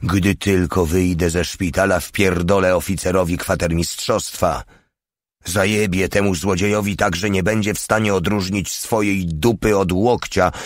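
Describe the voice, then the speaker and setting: A man's voice: low-pitched, fairly even intonation, normal speed, no room sound, studio quality, natural voice. A man reading the lines of a crude, short-tempered soldier who mocks and swears at his comrades. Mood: mocking, angry. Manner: coarse, mocking, swearing.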